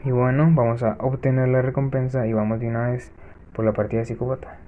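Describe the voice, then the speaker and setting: A man hosting a let's-play, chatting to viewers as he plays and breaking off with quick gasping reactions. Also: mid-range voice, little pitch movement, narrow, tinny audio, slight background noise. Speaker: gaming channel host. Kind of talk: let's-play gameplay commentary.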